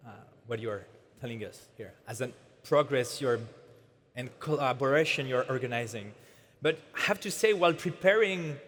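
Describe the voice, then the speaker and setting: A male moderator asking questions on a conference stage, halting and stopping to restart. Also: fairly high pitch, fairly bright tone, in a large hall. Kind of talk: hesitant stage interview.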